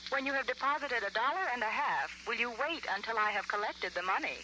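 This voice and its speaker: A courteous, measured telephone operator speaks to the caller over a payphone line in a vintage radio play. Her pitch moves in a lively way as she recites the routine phrases. Steady hiss runs under the old 1940s broadcast recording. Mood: businesslike. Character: polite, businesslike female telephone operator. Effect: heard over a payphone line. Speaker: long-distance telephone operator. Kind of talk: 1940s radio drama acting.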